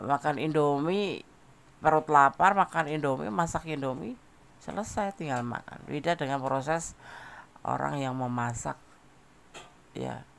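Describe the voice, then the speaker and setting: A man's voice: mid-range voice, vocal fry, fairly bright tone, a little hiss or hum. A man giving a casual tarot general reading, talking straight to the listener and repeating phrases. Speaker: tarot reader.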